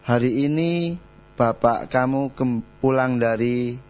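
A male student reads lesson examples very slowly and with care. He sometimes stumbles as he translates. The broadcast sound is dull and lo-fi. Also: mid-range voice, a little mellow. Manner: hesitant, careful reading. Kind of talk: reading and translating in class.

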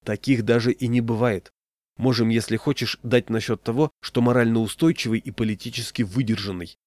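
A man voicing a slow-witted, cautious union chairman who talks bluntly and matter-of-factly, recorded dry and close. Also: mid-range voice, steady tone, a little mellow, no echo, lightly acted.

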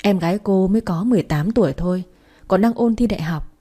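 A woman's voice: mid-range voice, quick pace, dark tone, husky. A woman narrating a dramatic story in the first and third person, voicing all the characters herself.

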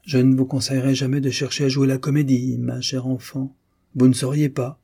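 A man's voice: medium pitch, level tone, brisk, vocal fry, mellow, breathy edge, voice pushed up. A man reading the part of a teasing, indulgent older male doctor in a novel.

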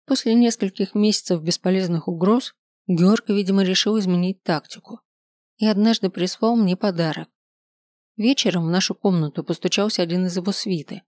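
A woman's voice: mid-range voice, fairly quick, darkish tone, no room sound, studio quality. A woman narrating a first-person audiobook in a wry, sardonic manner.

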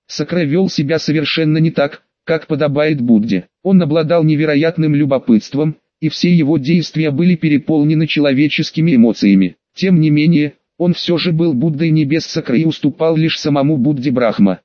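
A man narrating an audiobook in a steady, measured manner. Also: on the high side, no room sound. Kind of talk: scripted narration. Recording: dull, dry studio sound.

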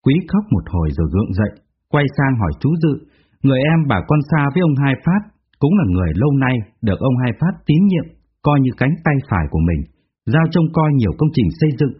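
Brief: male narrator, expressive storytelling, husky voice, tinny phone-like audio. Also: medium pitch, fast.

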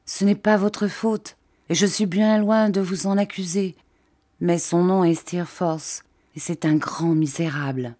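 A woman reading an audiobook, voicing a broken young fisherman who speaks earnestly and haltingly. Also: on the low side, steady tone, dark tone, no echo, lightly acted.

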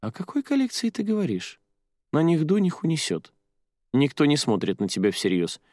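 A man's voice: on the high side, wildly swooping pitch, moderate pace, a little mellow, no room sound, clean studio sound, voice pushed up. A man reading the mocking, lecturing inner voice of a young woman in an audiobook.

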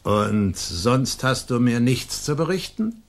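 In a German radio play, an older actor voices a proud, domineering old colonial nobleman and stern father. His husky, medium-pitched voice swings widely in pitch, and he speaks slowly with imperious emphasis, sounding probing and stern.

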